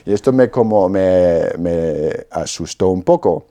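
Low mellow-voiced man telling his story. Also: expressive, measured pace. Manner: storytelling with frequent "¿no?" tags and restarts. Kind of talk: personal testimony in an interview.

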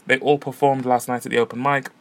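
A man's voice: mid-range voice, little pitch movement, quick pace, fairly bright tone. Easygoing male podcast host. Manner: chatty, easygoing. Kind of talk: casual podcast narration and interviews. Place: music venue and street outside.

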